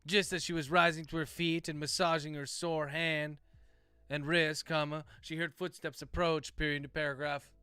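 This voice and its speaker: A man's voice: fairly high pitch, normal speed, clean tone, dry recording, faint music behind. Man dictating a story with spoken punctuation. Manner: speaks punctuation aloud in a steady dictating cadence. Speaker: narrator dictating a novel. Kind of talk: dictating prose aloud.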